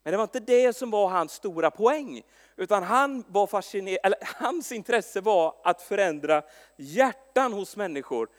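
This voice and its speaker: A man preaching a sermon, telling stories in a lively way with frequent restarts and stumbles. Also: sits high. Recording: long echo in a large hall.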